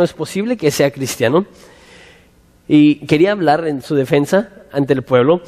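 A lively man preaching in a reverberant church hall, his voice sitting fairly high for a man. He breaks into little acted-out dialogues to bring the scripture to life. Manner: animated, acts out scenes with quoted voices. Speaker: pastor. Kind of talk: sermon.

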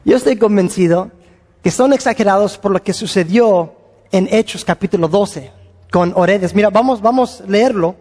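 High-voiced preacher in a reverberant hall. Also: male voice, normal speed. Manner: animated, acts out the quoted people. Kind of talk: sermon with Bible reading.

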